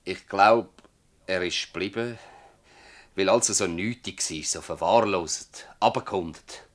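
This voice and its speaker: An older male actor with a low voice plays a gruff, stubborn old Swiss farmer in a dialect radio drama, worn by toil and defensive. He speaks with a Swiss German accent, emphatically and haltingly, giving earthy testimony. His mood is animated and admiring.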